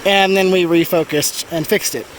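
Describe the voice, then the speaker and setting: A man's voice: sits high, steady tone, normal speed, fairly bright tone, low-quality recording. A man giving a casual, laid-back trip update with dry humour, recorded outdoors beside a babbling creek. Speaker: travel vlogger. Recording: outdoor creek and breeze noise. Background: running stream water.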